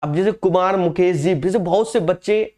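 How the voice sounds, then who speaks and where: A man's voice: high-pitched, normal speed, a little mellow. A man teaching a maths lesson for exam prep with a nasal voice from a cold, chatty, and calling his students his friends. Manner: chatty, calls students "my friend", slips into English phrases. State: has a cold and fever.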